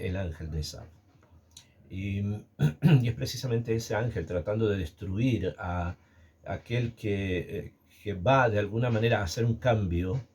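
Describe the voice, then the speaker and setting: A man giving a spoken Torah lesson, pausing often with fillers and restarting his sentences. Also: lowish voice, darkish tone, husky. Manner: hesitant, many fillers and restarts. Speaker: Torah teacher.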